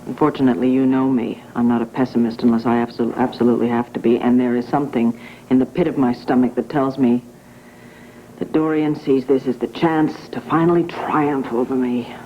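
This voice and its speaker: A woman's voice: extremely low pitch, steady tone, a little fast. An actress playing an anxious, earnest wealthy woman who owns a newspaper, in a 1980s TV soap opera, heard from a worn VHS tape copy. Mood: troubled. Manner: earnest, troubled, speaks plainly and directly. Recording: dull, hissy worn VHS tape audio.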